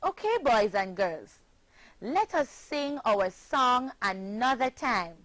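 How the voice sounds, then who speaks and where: A woman's voice: a little high, sing-song, slow pace, fairly bright tone, no echo, rough recording. A woman with a Jamaican accent teaching a phonics lesson, speaking in a careful, over-articulated and encouraging way. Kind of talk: slow, clearly paced phonics lesson.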